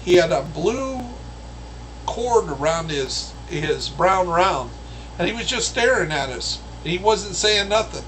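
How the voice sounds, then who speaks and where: Brief: animated man in his fifties spinning basic-training yarns, bright tone, faint background noise. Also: high-pitched, slow pace, rough recording. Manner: animated, breaks into loud acted quotes, frequent restarts. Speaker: guest recalling military basic training. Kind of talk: casual anecdotal storytelling.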